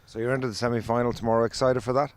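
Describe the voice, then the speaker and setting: A man's voice: medium pitch, level tone, very fast, no room sound. A man giving commentary at a golf tournament. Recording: clear outdoor ambient noise.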